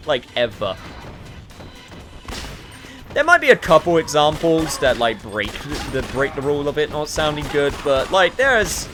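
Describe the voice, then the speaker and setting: A man's voice: medium pitch, a bit bright. A young man giving chatty, sweary, casual commentary over a video game he is playing. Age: young adult. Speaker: gaming video host. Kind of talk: casual gameplay commentary with game lines read aloud. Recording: music behind the voice.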